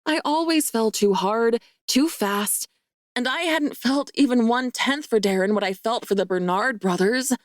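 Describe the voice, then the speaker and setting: A woman giving first-person romance audiobook narration in a wry, lively, self-mocking way. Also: on the high side, normal speed, dry recording, clean studio sound.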